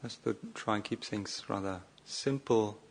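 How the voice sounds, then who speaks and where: Taking the part of a monk, a man delivers an unscripted guided meditation in short, measured phrases with long, hesitant pauses, his voice lowish.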